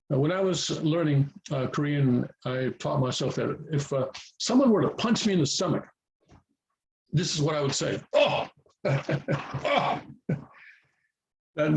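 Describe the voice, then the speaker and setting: A man teaches Korean writing to beginners in an informal, improvised lesson, speaking in a gravelly, slightly mellow mid-range voice. He is patient and goes step by step, often searching for words and repeating himself for emphasis. The recording is rough, with a little hiss or hum.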